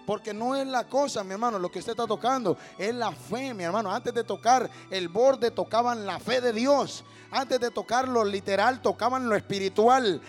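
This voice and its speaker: A man with a Honduran accent preaching a fervent evangelical sermon, speaking straight to his congregation and building up to shouts. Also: extremely high pitch, normal speed, hardly any pauses, soft background music.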